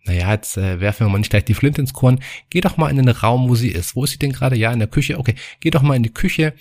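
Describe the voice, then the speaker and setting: A man's voice: medium pitch, fast, darkish tone, dry recording, clean studio sound, natural voice. Male performer as patient doctor, soothing, reasonable, everyday voice. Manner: soothing, coaxing.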